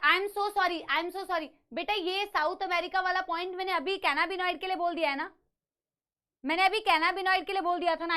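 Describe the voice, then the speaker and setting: Young woman, online biology tutor with a sore throat, very high bright voice, talks to students like a caring elder. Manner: calls students beta, mixes English terms into Hindi, asks "theek hai?" often. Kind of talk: live online class lecture.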